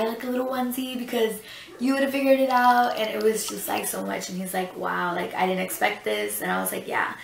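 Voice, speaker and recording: A woman's voice: medium pitch, vocal fry, far from the mic. A young woman telling a personal story in a casual vlog, chatty and rambling with many fillers and restarts. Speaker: vlogger. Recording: roomy echo, voice a bit off-mic.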